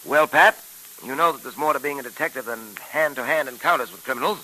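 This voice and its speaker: A man playing a calm, clever police detective on an old radio show, explaining things patiently and with self-assurance. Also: mid-range voice, fast talker, a little hiss or hum, rough recording. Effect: old radio show broadcast. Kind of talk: 1940s radio acting.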